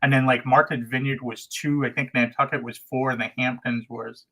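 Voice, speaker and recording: Poor audio carries a medium-pitched male voice with little pitch movement and a somewhat bright quality, moving at a moderate pace. He's an American guest on a relaxed livestream, wandering through his explanations with frequent restarts and hedging.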